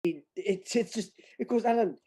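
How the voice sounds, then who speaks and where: A man with a dark, mellow voice rambles in disbelief, repeating phrases as he reads passages aloud. He jumps between points in a loose, casual commentary chat. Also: sits high, unhurried, slightly rough. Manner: incredulous, rambling, repeats himself. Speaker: guest reading a document aloud.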